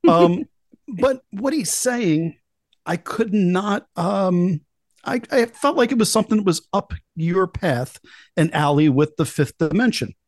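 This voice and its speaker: A man's voice: sits high, lively intonation, measured pace, no room sound, clean studio sound. A man hosting a talk show in a chatty, casual way, with sarcastic asides. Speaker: podcast host.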